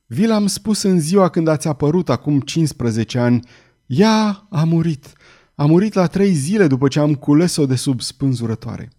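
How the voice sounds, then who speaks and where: A man voicing a grieving former executioner who speaks in a sorrowful, sighing, low way, in an audiobook reading. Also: lively intonation, mellow, lightly acted. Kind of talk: audiobook character voice.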